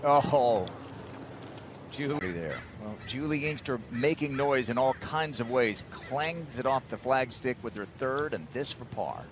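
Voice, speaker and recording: A man's voice: mid-range voice, expressive, unhurried. A man giving live golf commentary as the lead announcer on a broadcast. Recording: noisy outdoor broadcast sound.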